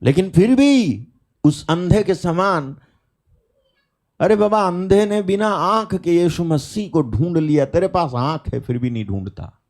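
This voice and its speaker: A man's voice: high voice, expressive, unhurried, darkish tone. A man preaching a sermon at a live prayer meeting, talking emphatically with rhetorical questions and calls of hallelujah.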